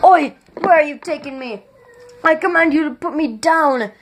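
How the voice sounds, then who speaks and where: A reader voicing a blustering male king who yells commands but is plainly afraid, high and loud. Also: moderate pace, a little hiss or hum. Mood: indignant. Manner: shrill, yelling, panicky.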